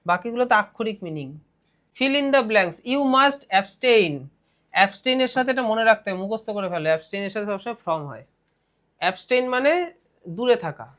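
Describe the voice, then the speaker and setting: A man with a Bengali accent teaching an English grammar lesson, reading English phrases slowly and then explaining them briskly with rhetorical questions. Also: sits high, fairly bright tone.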